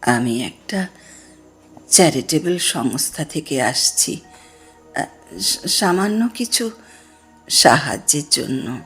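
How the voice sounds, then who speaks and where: A woman voicing a gentle, shy elderly woman in her sixties, a former schoolteacher, who speaks softly and hesitantly. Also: sits low, expressive, slow pace, long pauses, husky, soft background music, voice pushed down, full character voice. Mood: pleading. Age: 60s. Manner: soft, hesitant, trailing off.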